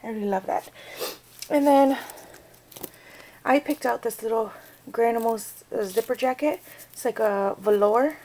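A woman's voice: a little high, a little slow, pauses often, a little mellow, rough recording. A young American woman chatting casually in a vlog, rambling with lots of fillers. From United States. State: out of breath. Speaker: vlogger.

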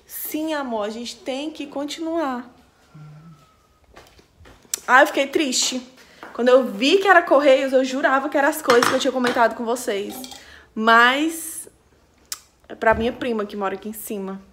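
A young woman with a fairly high voice talks casually to her viewers while filming herself at home. She holds the camera at arm's length as she moves between kitchen and living room, with faint household noise behind her. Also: moderate pace, long pauses, fairly bright tone. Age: young adult. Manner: chatty, talks straight to viewers. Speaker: vlogger. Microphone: handheld camera at arm's length.

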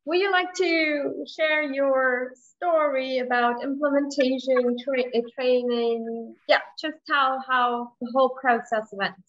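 A woman presents in a webinar over a video call, talking hesitantly with many ums and "right?" checks. Her voice is fairly high, and the call audio sounds a little dull and lo-fi. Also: steady tone, takes it slowly, hardly any pauses, fairly bright tone. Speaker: presenter and software trainer.

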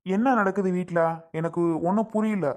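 A woman's voice: mid-range voice, fairly even intonation, moderate pace, darkish tone, natural voice. A woman playing a grown son who lectures his mother in a family comedy skit, pleading then scolding. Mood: exasperated.

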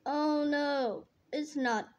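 A breezy storybook friend brushes off any worry, as a woman reads along. The voice stays high and the pace slow. His manner is dismissive and light. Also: a little mellow.

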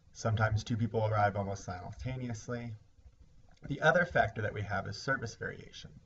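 Low-voiced man giving a lecture. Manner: measured explanatory delivery. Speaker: instructor. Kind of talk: recorded lecture. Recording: slightly dull lo-fi recording with faint hiss.

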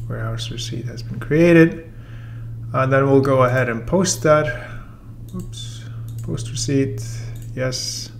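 Speaking at medium pitch with vocal fry, a man in his thirties casually demonstrates software, explaining the steps with many fillers amid slight background noise. The video moves from a room with a brick wall and whiteboard to voice-over on screen capture.

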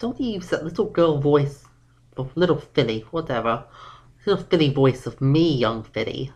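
A man playing a stern father who lectures his daughter in a halting, disappointed way in a fan audio drama. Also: fairly high pitch, expressive, a little mellow, highs cut off, lightly acted.

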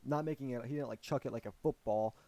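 A man's voice: medium pitch, quick pace, warm tone, no echo. A young man rambling through a storytime vlog, with many fillers and restarts. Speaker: vlogger.

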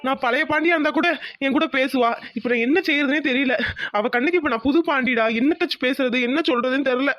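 A woman's voice: high voice, fast talker, fairly bright tone, dry recording. Pandi, a woman voicing a pleading village lover. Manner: pleading, emotional, earnest. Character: young village man, lovesick, pleading and earnest. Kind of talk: cartoon voice acting.

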